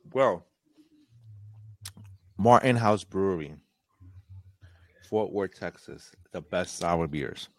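A man with a fairly low voice hosts a casual podcast chat. His pitch swings widely as he jokes around in slang. The sound is dry and close. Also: takes it slowly, long pauses, no echo. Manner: animated, slangy, laughs often. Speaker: podcast host.

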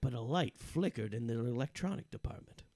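A mock-grand travel narrator acted by a man in improvised comedy. He gushes theatrically with drawn-out words in a mid-pitched voice, recorded close and dry. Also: animated, gravelly, a little mellow, dry recording. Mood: storytelling. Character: grandiose male travel narrator, gushing over small cities.

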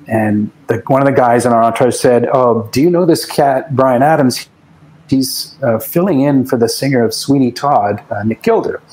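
A man's voice: medium pitch, darkish tone, poor audio. Rambling male musician telling stories. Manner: rambling, anecdotal, with restarts. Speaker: guest musician. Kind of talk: casual interview storytelling.

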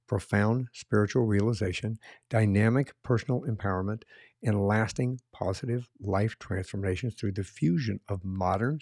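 A man hosting a podcast, reading a measured, promotional intro before interviewing his guest. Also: lowish voice, a little mellow, no echo, studio quality. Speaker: podcast host. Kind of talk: scripted intro then interview.

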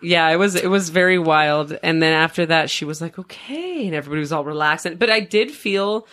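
Bright-voiced young woman chatting casually. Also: low-pitched, fast talker. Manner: laid-back, swears casually, lots of fillers. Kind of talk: casual chat.

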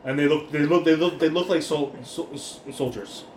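A man's voice: on the high side, normal speed. A man running a tabletop game as game master, describing scenes with many restarts and fillers. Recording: echoey room with faint noise.

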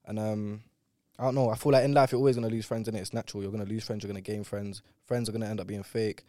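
Mellow young London man, roadman slang. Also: on the low side, level tone, very fast, no echo, studio quality. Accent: London, urban roadman slang style. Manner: slangy, colloquial. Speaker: guest musician on a talk show. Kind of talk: casual chat.

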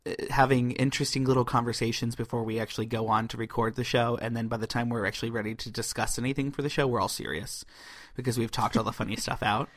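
Playful, energetic podcast co-host. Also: mid-range voice, fast talker, hardly any pauses. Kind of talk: casual chat.

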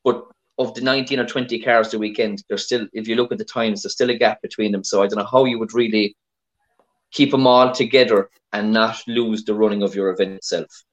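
A man's voice: on the low side, fairly even intonation, fairly quick, muffled recording. An Irish man talking casually as a guest in a podcast interview over his phone. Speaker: podcast guest, historic rally competitor.

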